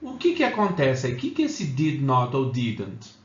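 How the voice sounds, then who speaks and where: A man's voice: medium pitch, huge pitch swings, roomy sound, muffled recording. A man teaching an English grammar lesson, explaining rules step by step and checking in often with the class. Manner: slow, repeats "tá?" and "ok?" to check understanding. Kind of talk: Portuguese-language grammar lesson.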